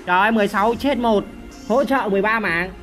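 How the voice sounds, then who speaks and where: A young man streams a game, his voice high-pitched, bright and sharp. He talks in quick bursts of repeated words and grumbles at his teammates. Faint game music plays behind him. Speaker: gaming streamer. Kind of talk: excited gameplay commentary.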